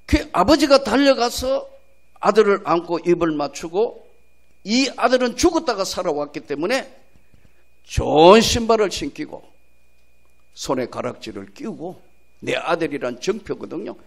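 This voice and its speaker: Dramatic older male pastor, lively pitch. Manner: dramatic, emphatic storytelling. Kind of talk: revival sermon. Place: church service.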